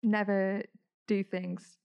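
A woman's voice: mid-range voice, flat delivery, slow, gravelly, smooth. A woman, a podcast guest chatting casually and upbeat, laughing often. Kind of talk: casual conversation. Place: indoor room. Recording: dull lo-fi sound.

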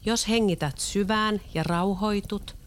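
Storybook role: an earnest little girl, read by the narrator, hushed. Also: mid-range voice, slight background noise, pitched above the performer's own voice, lightly acted. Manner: quiet, earnest. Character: worried young girl.

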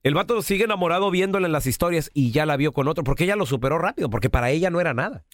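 Playful Mexican male co-host, high animated voice, dry close mic. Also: no room sound. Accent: Mexican Spanish. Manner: playful, quotes song lyrics in a drawn-out voice. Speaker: podcast co-host. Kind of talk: casual comedic chat.

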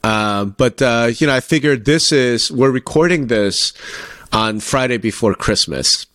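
Animated middle-aged man hosting a podcast. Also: medium pitch, unhurried, no room sound, clean studio sound. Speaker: podcast host. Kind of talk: casual chat.

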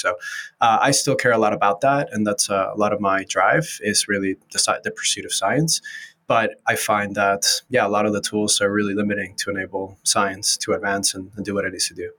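A man's voice: fairly low pitch, sharp tone. A man in his thirties from Venezuela, a startup founder speaking English as a second language, talking casually as an interview guest with many fillers and restarts. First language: Spanish.

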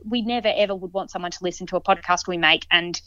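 A woman's voice: on the low side, fast, bright, forceful tone, no room sound, dull audio. Earnest woman podcast co-host, dry mic. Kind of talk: casual chat.

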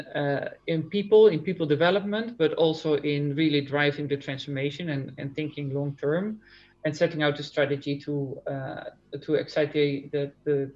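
A man answers interview questions over a video call, and his audio sounds dull and lo-fi. His voice sits slightly high for a man. He speaks earnestly, often repeating a word before he settles into his point. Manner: earnest, many repeated starts. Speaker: guest. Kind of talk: remote interview.

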